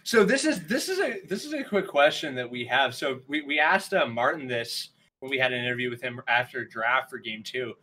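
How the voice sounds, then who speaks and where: A man's voice: mid-range voice, animated, brisk, hardly any pauses, sharp tone, rough recording. A man casting a college esports match live, talking energetically and rambling with lots of fillers. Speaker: esports caster.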